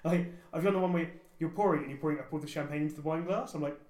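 A man co-hosting a casual podcast chat, talking quickly and restarting his words as he goes. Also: on the high side, a little mellow. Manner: rapid, repeats words when restarting. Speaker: podcast co-host, wine buyer. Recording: echoey room.

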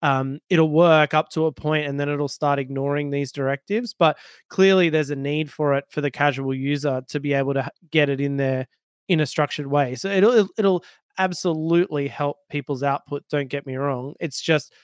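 A man co-hosting a tech podcast, chatting casually and laughing easily. His voice is smooth and resonant and sits a little high for a man. The sound is close and dry, with no room around it. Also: no room sound. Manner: animated, quick to laugh. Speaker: podcast co-host.

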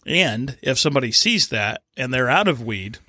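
A man's voice: mid-range voice, animated, normal speed, bright, forceful tone, no room sound, studio quality. A man, chatting casually as a podcast co-host, telling stories emphatically and insisting on his points. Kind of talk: casual chat.

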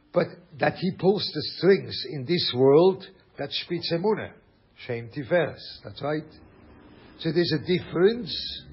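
A man's voice: mid-range voice, dull audio. A man from Switzerland teaching a Torah class, talking animatedly, repeating phrases and mixing in Yiddish and German words. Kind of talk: Torah lecture.

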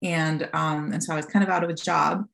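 A woman's voice: low-pitched, fairly even intonation, fairly quick, vocal fry, fairly bright tone. A woman in her forties from Costa Rica, a fund founder telling her story as a podcast guest in a candid, filler-filled way. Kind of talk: podcast interview.

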